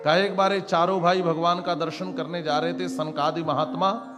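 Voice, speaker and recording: A man's voice: on the high side, flat delivery, normal speed. A man telling devotional scripture stories as a sermon, dramatic, acting out the characters' lines with exclamations. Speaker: Bhagavat katha preacher. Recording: long reverb with instrumental music behind.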